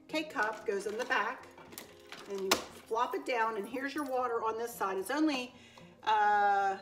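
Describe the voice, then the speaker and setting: Chatty woman in her fifties. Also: a little high. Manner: chatty, heartfelt, repeats words for emphasis. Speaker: vlogger. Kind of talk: casual home vlog. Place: home kitchen.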